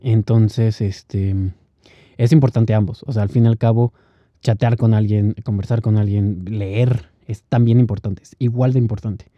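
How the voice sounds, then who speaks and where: A man's voice: lowish voice, fairly even intonation, moderate pace, dry recording. A man hosting a solo podcast, talking loosely and thinking aloud, with laughs between points. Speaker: podcast host. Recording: dry, slightly muffled lo-fi recording.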